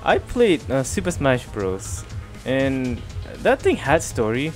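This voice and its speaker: A male streamer talking casually while he plays, rambling and restarting his sentences as he goes and laughing often. His voice sits in a middle pitch, with faint game music under him. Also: sing-song, takes it slowly. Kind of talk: casual let's-play chat.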